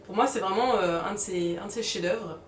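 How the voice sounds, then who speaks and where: A woman's voice: mid-range voice, fairly quick, a little hiss or hum. A woman hosting a film review vlog, speaking in a conversational, explanatory style. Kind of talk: film review, part scripted narration, part casual chat. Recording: roomy, distant mic, faint music.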